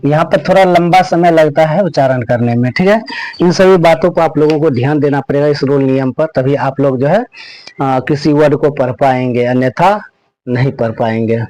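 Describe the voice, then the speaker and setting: A man teaching English pronunciation rules, repeating each rule and word slowly. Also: fairly high pitch, darkish tone, no echo, poor audio. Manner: slow, repeats rules and words over and over. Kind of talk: pronunciation lesson.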